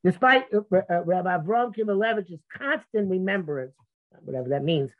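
In a religious debate held conversationally, a high-pitched man speaks at a moderate pace with lively intonation. He pushes his points insistently and argumentatively, stammering and restarting, and the audio is muffled and phone-like.

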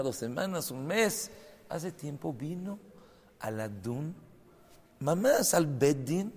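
Gravelly-voiced rabbi teaching in a hall. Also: male voice, medium pitch. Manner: animated storytelling, sudden loud bursts. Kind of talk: Torah lesson with stories. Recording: long reverb hall, faint ambient noise.

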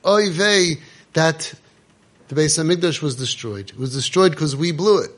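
A man's voice: a little high, normal speed. A man speaking as a rabbi giving a Torah lecture, reading text and explaining it emphatically, with repeated phrases. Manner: emphatic, repeating and rephrasing for effect. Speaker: rabbi giving a religious teaching.

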